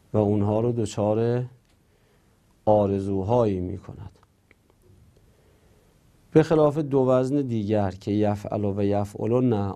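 A man's voice: on the low side, creaky, mellow. A man teaching a grammar lesson, reading each rule aloud and then explaining it step by step. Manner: methodical, reads rules aloud then explains them.

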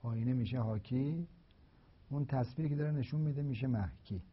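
A man delivers a philosophy lecture in a husky, slightly breathy voice. He works through each point slowly and deliberately, repeating examples to make them clear. The recording sounds dull and lo-fi. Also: mid-range voice.

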